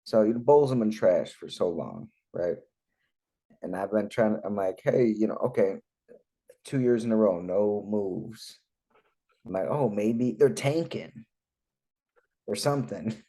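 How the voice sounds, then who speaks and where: A man's voice: fairly low pitch, lively intonation, a little slow, warm tone. A man co-hosting a podcast, chatting casually and joking. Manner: laid-back, joking, trails off into laughs. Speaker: podcast co-host. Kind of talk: casual chat.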